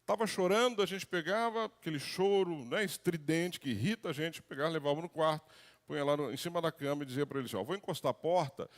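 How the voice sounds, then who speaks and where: Pastor preaching in echoing hall. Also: male voice, a little high, fast talker. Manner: conversational preaching with acted quotes. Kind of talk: sermon. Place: church hall. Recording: long hall reverb.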